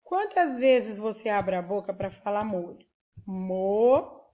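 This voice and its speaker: A woman's voice: mid-range voice, very animated, a little mellow, muffled recording. A woman from Brazil teaching a recorded school lesson, spelling out words syllable by syllable and asking her pupils questions to check they follow. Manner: slow, spells out syllables one by one.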